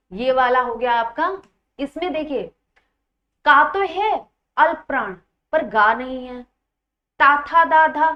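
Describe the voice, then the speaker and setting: A woman with a high voice teaches an exam-prep Hindi grammar lesson, explaining quiz questions, asking students questions and repeating key points. The recording has its high frequencies cut off.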